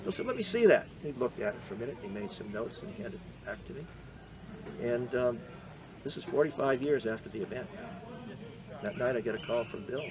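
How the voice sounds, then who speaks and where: A man in his seventies from the Boston area, a veteran being interviewed, telling his story in a measured, earnest way with frequent hesitations. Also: medium pitch, a crowd in the background. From Boston area, USA. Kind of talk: reflective personal storytelling.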